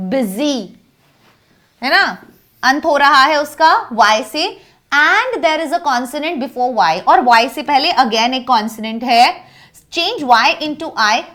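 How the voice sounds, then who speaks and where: A woman's voice: high voice, fairly bright tone. A young woman teacher with an Indian accent, teaching a grammar lesson in a mix of Hindi and English and often checking that the class understands. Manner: mixes Hindi and English, drawls example words slowly, then explains in quick bursts.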